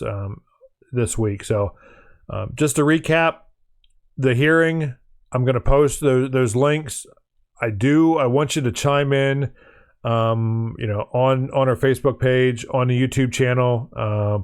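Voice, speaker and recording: A man hosting a podcast, signing off in a rambling, halting way with many ums while he is losing his voice. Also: medium pitch, clear, resonant tone. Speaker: podcast host. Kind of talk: casual podcast sign-off. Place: studio.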